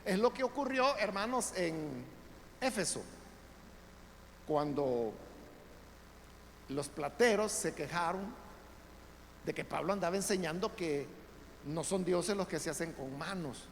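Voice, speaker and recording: A man pastor, giving a conversational Bible study sermon in a church, often calling listeners brothers and building to loud emphatic peaks. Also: fairly high pitch, lively intonation, takes it slowly, vocal fry, long pauses. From El Salvador. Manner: conversational preaching, addresses listeners as brothers, frequent tag questions. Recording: reverberant church hall, faint background noise.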